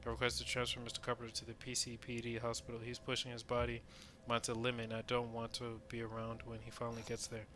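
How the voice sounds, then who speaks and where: Man playing an even-toned, weary medical researcher. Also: medium pitch, slight background noise, lightly acted. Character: weary, frank medical researcher recording a progress log. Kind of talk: dramatic scripted log monologue.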